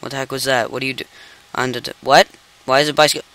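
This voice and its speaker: A man's voice: mid-range voice, little pitch movement, fast talker, bright, forceful tone, poor audio. A young man hosting a game commentary video, exasperated and incredulous, repeatedly exclaiming "no" as he plays at his computer. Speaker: gaming channel host. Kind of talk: let's play commentary.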